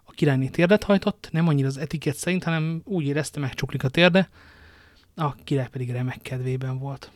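A man narrating an audiobook in a measured storytelling manner. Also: medium pitch, no echo. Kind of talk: audiobook reading.

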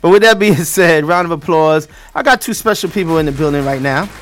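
A man with a Brooklyn accent hosting a lively community talk show, speaking colloquially and repeating phrases for emphasis. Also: on the high side, a little fast.

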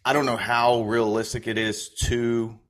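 A man co-hosting a loose sports podcast, blunt and profane. He delivers crude jokes in a flat, matter-of-fact way. His voice sits at an ordinary middle pitch for a man. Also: a little slow. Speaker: podcast co-host.

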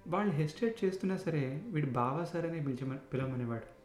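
A man's voice: fairly high pitch, animated, a little fast, darkish tone. A man in his thirties narrating a personal story in a reflective, conversational way. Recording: roomy echo with faint music.

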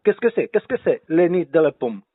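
A man's voice: fairly high pitch, very animated, a little fast, dry recording. A man playing a rambling, self-important, self-pitying fake doctor on a prank phone call, heard over a tinny phone line.

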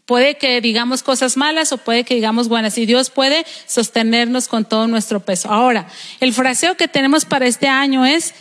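Female preacher, Mexican accent, high voice, a lively storyteller with reverb from the hall. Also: normal speed. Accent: Mexican Spanish. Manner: storytelling, acts out quoted voices. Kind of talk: sermon. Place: church hall.

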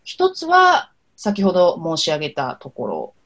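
Guest spot: low-voiced woman, lively melody, measured and thoughtful with soft fillers. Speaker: podcast guest, interpreter and pronunciation consultant. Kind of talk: casual podcast interview.

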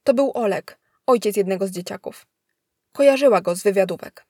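A woman's voice: mid-range voice, brisk, mellow, slightly rough, dry recording. Woman reading a thriller, dry close sound. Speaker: audiobook narrator. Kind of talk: scripted narration of a thriller story.

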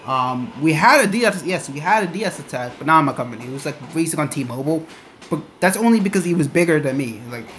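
A young adult rambling through a casual podcast-style rant in a halting, repetitive, emphatic way. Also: medium pitch, animated, a bit bright. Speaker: podcaster, online content creator. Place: on board a train. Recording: noisy train ambience behind the voice. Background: train noise.

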